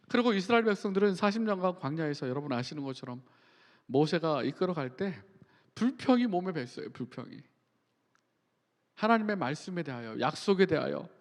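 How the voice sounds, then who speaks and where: A male pastor preaching a sermon, reading scripture aloud with earnest emphasis and pauses. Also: a little high, long reverb tail. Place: church sanctuary.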